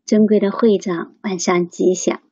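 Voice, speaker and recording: Patient woman teacher, mellow husky tone, dull dry call audio. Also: mid-range voice, steady tone, no room sound. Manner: slow, patient, repeats examples. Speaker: English teacher. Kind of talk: online pronunciation lesson.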